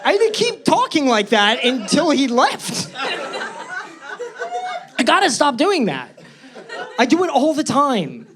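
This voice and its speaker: A man's voice: extremely high pitch, wildly swooping pitch, a little slow, pauses often. A man doing a stand-up comedy set on a club stage, telling self-deprecating stories in a nervous way into a handheld mic. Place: comedy club stage before a live audience. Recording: live show with loud crowd laughter.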